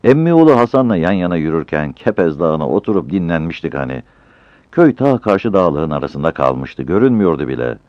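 A very deep male voice reads a story in a calm, measured way, his pitch moving with lively expression. The sound is dry and close, with a somewhat dull, lo-fi tone. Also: dry recording. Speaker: narrator. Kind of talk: audiobook reading.

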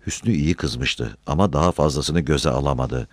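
A man reading a novel aloud as an audiobook narrator, with an expressive storytelling delivery. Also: extremely low pitch, normal speed, dry recording. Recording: dry close recording.

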